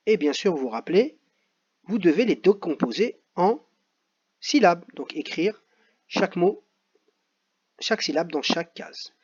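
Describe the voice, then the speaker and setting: A man teaching young pupils, reading out exercises and saying each word slowly twice. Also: high-pitched, darkish tone, husky. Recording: dull lo-fi audio.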